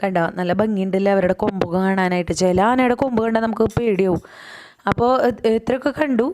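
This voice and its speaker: A woman's voice: mid-range voice, a little mellow, clean tone. A woman, chatting through a casual voice-over of a family outing with frequent asides to the viewer. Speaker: vlogger.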